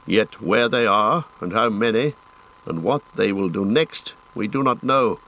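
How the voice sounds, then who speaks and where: A man's voice: lowish voice, expressive, unhurried, bright, forceful tone, heavily acted, rough recording. Aragorn, a man doing a grave leader.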